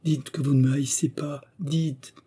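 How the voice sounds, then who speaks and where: A man's voice: a little high, little pitch movement, a little slow, dark tone, husky, voice pushed up. A man voicing an ardent, lovesick young man in an audiobook, pleading with passion.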